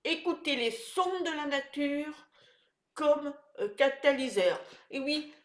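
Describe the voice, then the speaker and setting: A wellness vlogger with a head cold talks casually to the camera, her high-pitched, animated voice sounding nasal and stuffy. She speaks slowly in a reverberant space, offering viewers wellness tips hesitantly, with plenty of fillers and restarts.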